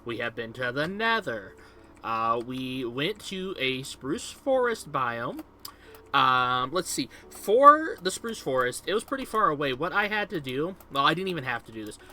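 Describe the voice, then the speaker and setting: A man's voice: mid-range voice, sing-song, a little slow, pushed and bright, a little hiss or hum. A young man, casually commentating on his own gameplay in a rambling, upbeat way, full of fillers. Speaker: gaming video host.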